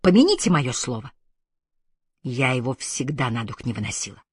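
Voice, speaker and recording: A woman's voice: extremely low pitch, very animated, moderate pace, darkish tone, slightly rough, no echo, voice pushed down, full character voice. A woman reading an audiobook voices a cheeky, chatty young actress with breezy banter. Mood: indignant.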